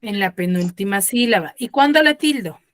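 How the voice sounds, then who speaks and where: A woman teacher giving an online class, quizzing her students and slowing down to stress key words. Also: mid-range voice, expressive, a bit bright, dry recording. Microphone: computer mic on a video call.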